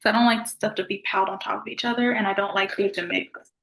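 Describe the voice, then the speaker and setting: A soft-spoken woman chatting casually in a food vlog, talking at a low volume. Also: steady tone, fast talker, vocal fry, low-quality recording. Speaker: vlogger.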